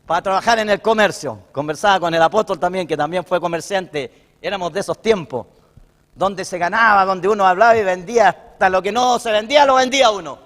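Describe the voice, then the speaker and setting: A middle-aged Chilean pastor preaches in a homely, talk-to-you manner, keeping his tone high for a man. His words ring out with a long hall reverb, as in a church sanctuary. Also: brisk, fairly bright tone. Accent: Chilean Spanish. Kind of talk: sermon.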